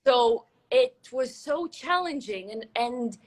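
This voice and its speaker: Young adult woman from Egypt, interview guest; reflective, chatty, slightly high voice. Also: animated, slow, darkish tone, rough recording. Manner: chatty, restarts and fillers, reflective. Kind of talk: casual interview.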